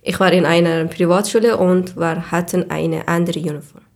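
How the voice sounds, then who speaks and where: A woman's voice: on the low side, fairly even intonation, moderate pace, gravelly. A woman, answering interview questions carefully with small slips. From Afghanistan. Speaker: interview guest. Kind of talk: scripted answers.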